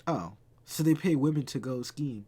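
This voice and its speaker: A man's voice: mid-range voice, moderate pace, warm tone, breathy edge. A man in his twenties hosting a casual chat, ranting and swearing freely. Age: 20s. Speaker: podcast host.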